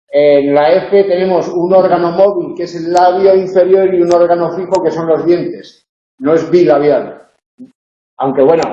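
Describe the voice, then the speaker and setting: A male university lecturer with a high-leaning but dark-toned voice guides a classroom phonology tutorial step by step. He frequently says "eh" and adds tag questions. The sound is dull and lo-fi, with room echo.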